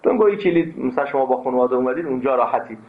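A man teaching a philosophy class, speaking emphatically and breaking into anecdotes. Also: mid-range voice. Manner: emphatic, animated, tells anecdotes. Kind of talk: classroom lecture. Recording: tinny phone-like sound.

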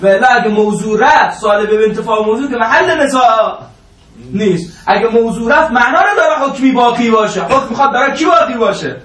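A high-pitched man lectures on religious law in an informal seminary class. He stretches key phrases out for emphasis and trades jokes with his students. The room is echoey, he sits back from the mic, and a faint ambience hums underneath. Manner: lively lecturing, drawn-out emphatic Arabic phrases, joking asides. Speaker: seminary teacher. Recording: roomy echo, voice from a distance.

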